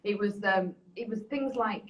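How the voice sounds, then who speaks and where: A woman's voice: mid-range voice, unhurried, recorded from a distance. A woman, chatting casually as a podcast co-host and telling anecdotes. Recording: muffled sound from off-mic.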